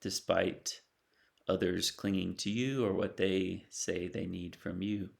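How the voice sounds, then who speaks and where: A middle-aged man and spiritual teacher giving a slow, measured reflective talk with long pauses between phrases. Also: low-pitched, fairly even intonation, creaky.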